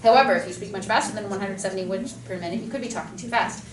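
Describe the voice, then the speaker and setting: A woman speech teacher giving a chatty, fast-talking classroom lecture. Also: mid-range voice, crowd noise. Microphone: camera mic across a classroom. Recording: roomy, distant classroom sound with faint noise.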